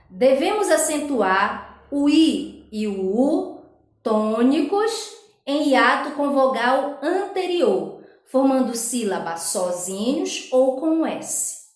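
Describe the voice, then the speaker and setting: High-voiced, slow Brazilian woman teacher. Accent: Brazilian Portuguese. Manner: explains step by step, often checks in with the class. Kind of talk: recorded school lesson. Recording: echoey room.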